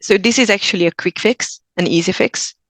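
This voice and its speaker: Speaking with a Hungarian accent, this Hungarian actress is a guest on a relaxed podcast interview, earnest and reflective, often beginning sentences again. Her medium-pitched voice is fairly quick and fairly bright. The low-quality recording has no echo.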